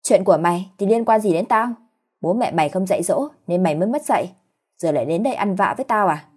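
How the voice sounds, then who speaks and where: A woman's voice: fairly low pitch, lively intonation, fast talker, darkish tone, breathy edge. A woman voicing a scornful middle-aged mother-in-law who scolds shrilly, in a spoken story. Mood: contemptuous.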